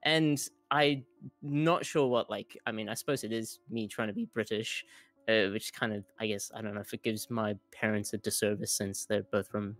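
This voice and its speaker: A man's voice: fairly low pitch, fairly even intonation, brisk, dry recording, soft background music. A young man from New Zealand, a voice actor with a mixed Kiwi and American accent, talking casually in a rambling, hesitant way. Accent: New Zealand and American mix. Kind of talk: casual chat.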